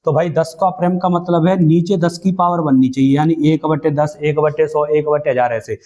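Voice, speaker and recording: Male maths tutor, mellow and a bit high, drills students with call-and-response. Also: level tone, normal speed. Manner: call-and-response drilling, asks then answers himself; calls students "beta" and "bhai". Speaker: maths teacher. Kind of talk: exam-prep maths lesson.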